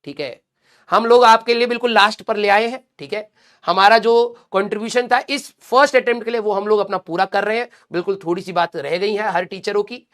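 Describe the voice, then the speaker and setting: A man's voice: high voice, fairly quick, fairly bright tone. Blunt, affectionate male coaching teacher. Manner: blunt, scolding yet affectionate, mixes Hindi with English; keeps asking "clear?" and "theek hai". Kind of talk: motivational talk to students.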